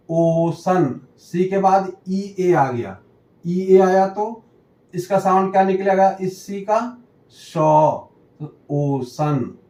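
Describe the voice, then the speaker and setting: A man teaches pronunciation at a slow, careful pace, saying each example word twice. His voice sits high but sounds mellow and soft. The room around him echoes. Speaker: English teacher. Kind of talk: explaining a lesson.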